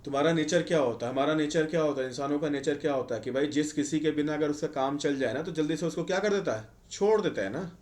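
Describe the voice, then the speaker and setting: A man's voice: on the high side, quick pace, darkish tone. A male chemistry teacher giving a conversational exam-prep lecture, often asking students rhetorical questions. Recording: echoey room.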